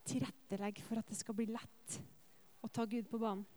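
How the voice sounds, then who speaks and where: A woman preacher giving an earnest sermon, telling lively personal stories and asking the congregation rhetorical questions. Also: a little high. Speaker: preacher and worship leader.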